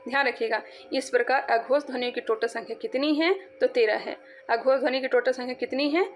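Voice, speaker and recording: A woman's voice: high voice, fairly even intonation, soft background music. A woman teaching an exam-prep lesson, repeating points and quizzing her students as she goes. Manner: repetitive, quizzing, drawn-out syllables.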